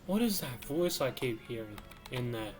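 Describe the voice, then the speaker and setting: A man streaming a video game, slowly musing aloud to himself in casual commentary. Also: mid-range voice, big pitch swings, a little mellow, faint music behind. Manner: slow, musing, mutters to himself.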